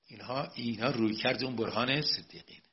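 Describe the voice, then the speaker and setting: A male cleric giving a religious lecture, moving between quiet storytelling and loud, emphatic preaching. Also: medium pitch. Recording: dull lo-fi recording.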